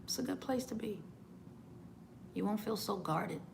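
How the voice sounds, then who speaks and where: A woman's voice: mid-range voice, expressive, a little slow, creaky, noisy background. A woman, a singer, giving an earnest motivational talk, often repeating words as she starts a thought.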